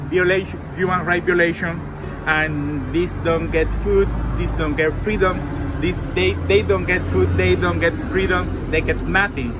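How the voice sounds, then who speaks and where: A man with a Cuban accent answers a street interview in halting English, his first language being Spanish. His voice sits fairly high. Music and traffic play behind him outdoors. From Cuba. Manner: halting, repetitive non-native English.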